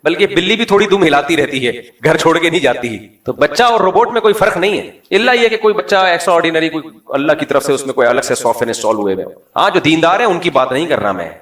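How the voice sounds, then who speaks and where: A man's voice: fairly high pitch, lively intonation, few pauses, fairly bright tone, echoey room, far from the mic. A man preaching to a live audience in a conversational, lightly joking way, full of rhetorical questions. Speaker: Islamic preacher. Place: lecture hall with an audience.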